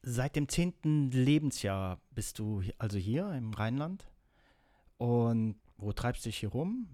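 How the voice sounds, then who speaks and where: A man's voice: mid-range voice, animated, a little slow, warm tone. A man hosting a podcast, asking questions in an upbeat, chatty way in a casual interview. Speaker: podcast host.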